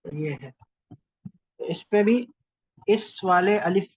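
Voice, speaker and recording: A man teaching a lesson at an unhurried, measured pace, stopping often to find his words. His voice sits in a middle register and sounds dry and close, with dull, muffled audio. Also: high-pitched, no room sound. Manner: slow, patient, halting with pauses and fillers. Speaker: calligraphy teacher. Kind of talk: classroom lesson explanation.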